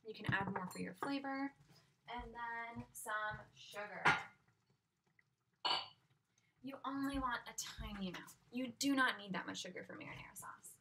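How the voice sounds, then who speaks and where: An upbeat young woman talks through a recipe in a small home kitchen, her voice sitting a bit high. She drifts toward and away from the webcam as she works. Clanking pots and clicks are loud under her voice. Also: unhurried, pauses often. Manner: chatty and upbeat, moving around while cooking. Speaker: cooking instructor. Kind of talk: casual cooking demonstration. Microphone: laptop webcam at a distance. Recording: loud cooking noise and clicks.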